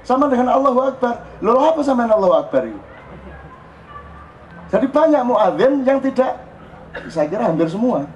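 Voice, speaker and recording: A man's voice: very high-pitched, big pitch swings, normal speed, long pauses, darkish tone. An older man with an East Javanese accent giving an informal, playful sermon to a gathering, teasing the crowd and acting out exclamations. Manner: playful, teasing, laughs often, acts out exclamations. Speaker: preacher leading a public religious gathering. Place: outdoor plaza gathering. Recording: dull live outdoor recording, faint background noise.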